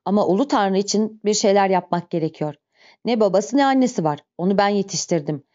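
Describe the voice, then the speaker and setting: A sly, fawning male innkeeper who talks with false earnestness, read by a woman in her own mellow voice. The storybook reading sounds dull and lo-fi. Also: mid-range voice, brisk, lightly acted. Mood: falsely earnest. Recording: dull lo-fi recording.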